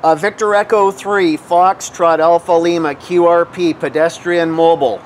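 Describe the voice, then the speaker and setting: A higher-pitched man, a vlogger and amateur radio operator, talks casually outdoors in a grassy backyard, vlogging and making radio contacts. His intonation is fairly even and his speed normal, and the outdoor camera audio is noisy, with clear background noise.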